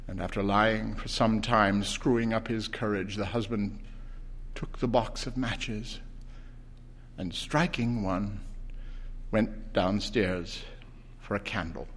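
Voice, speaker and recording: Bright-voiced man reading a spooky tale. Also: fairly low pitch, slightly rough. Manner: swings from hushed whispers to urgent, rising intensity. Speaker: story reader. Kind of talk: dramatic reading of a short story, live performance.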